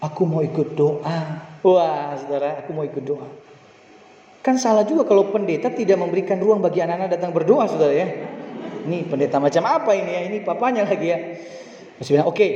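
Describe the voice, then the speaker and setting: A man preaching a sermon as pastor, animated and addressing the congregation directly. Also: a little hiss or hum. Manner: animated, rises high when stressing a point; speaks to the congregation directly, often saying "brothers and sisters". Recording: roomy church hall, distant mic, dull sound.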